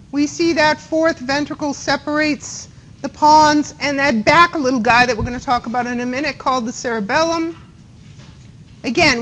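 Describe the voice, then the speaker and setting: A woman's voice: high-pitched, fairly bright tone, rough recording. A woman with a Boston accent giving a classroom anatomy lecture, chatty and often checking in with students by asking them questions. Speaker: anatomy instructor.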